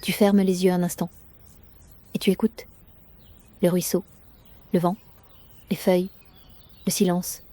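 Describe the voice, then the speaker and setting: A woman narrates a guided bedtime sleep story in a soft, gentle, soothing manner, unhurried and with long pauses. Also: lowish voice, level tone.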